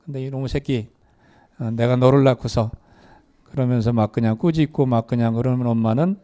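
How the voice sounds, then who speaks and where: A man's voice: medium pitch, dark tone. A man lecturing a live meditation class, asking the audience questions and leading them through exercises. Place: meditation hall.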